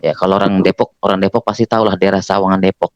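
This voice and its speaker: A man's voice: deep voice, little pitch movement, racing, dry recording, dull audio. A man giving an earnest spoken testimony, telling his story and acting out the dialogue himself. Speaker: former preacher giving testimony.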